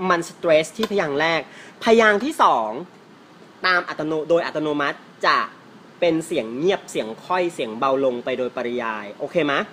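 A man teaching English pronunciation in a casual, playful way, teasing his viewers and stretching out example words slowly. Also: a little high, bright, forceful tone, a little hiss or hum.

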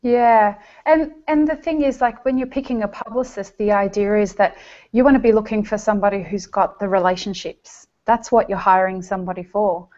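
A woman's voice: medium pitch, steady tone, brisk, darkish tone. A woman with a mid-range voice hosts a casual podcast chat. She talks frankly and directly, steering the conversation with pointed questions. The sound is muffled and lo-fi. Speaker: podcast host.

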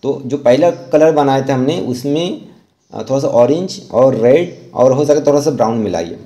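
An Indian man teaching rangoli art gives an informal, step-by-step tutorial voice-over in an expressive, warm, mid-range voice. His explanations are halting, with frequent repetition.

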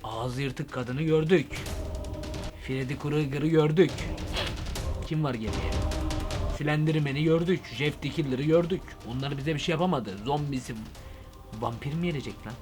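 Excitable high-voiced young man ranting. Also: normal speed, music in the background. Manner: excitable, rambling, slangy. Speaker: YouTube comedian. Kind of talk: comic vlog monologue.

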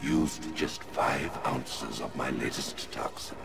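An actor playing a cold, menacing villain in a video game with a gravelly voice. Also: male voice, extremely low pitch, slow pace, full character voice. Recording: loud game music behind.

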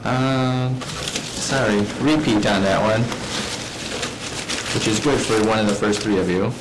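A man's voice: lowish voice, steady tone, takes it slowly. Cheerful male school administrator on morning announcements, some background noise. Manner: upbeat, stumbling over words. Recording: noisy school studio.

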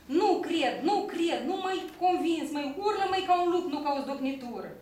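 A woman's voice: high-pitched, expressive, a little hiss or hum. A woman reading as an old grumbling shepherd. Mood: coaching. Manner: grumbling, folksy, coaching. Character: old male shepherd, weary then playful. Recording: echoey room from a distance.

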